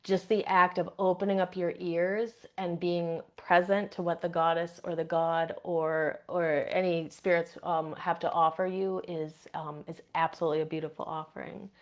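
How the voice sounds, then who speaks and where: A woman podcast host with a Midwestern accent softened by years in Boston chats through viewer comments. Her voice sits fairly low, and she talks in a loose, conversational way with plenty of fillers. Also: little pitch movement, normal speed, hardly any pauses. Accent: Midwestern with a Boston influence. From Indiana. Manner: chatty, warm, reads out viewer comments, many fillers. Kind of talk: casual live-stream chat answering comments.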